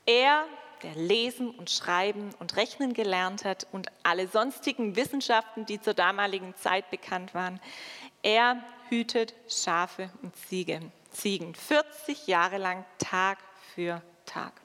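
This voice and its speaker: A woman preaching a sermon and reading scripture in a slow, measured way with dramatic pauses. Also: mid-range voice, fairly bright tone. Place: church. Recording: long church reverb.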